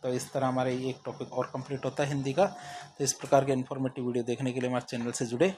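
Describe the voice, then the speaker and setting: A man's voice: mid-range voice, little pitch movement, fast talker, darkish tone, slight background noise. A man teaching a spelling lesson for exam students, asking each question and answering it himself. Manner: drills with repeated question-and-answer. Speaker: Hindi exam tutor.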